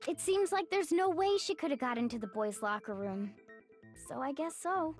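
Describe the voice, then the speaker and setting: A sweet, anxious teenage girl in an anime game. Her very high, lively voice sounds earnest and flustered, with faint music behind. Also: moderate pace. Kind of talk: dubbed anime game acting.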